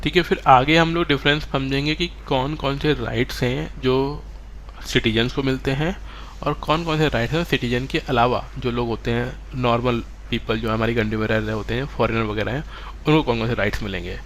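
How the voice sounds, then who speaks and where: A man's voice: mid-range voice, steady tone, fairly quick, a bit bright, slight background noise. A man teaching a live online exam-prep class, mixing English terms into Hindi and often checking that students follow.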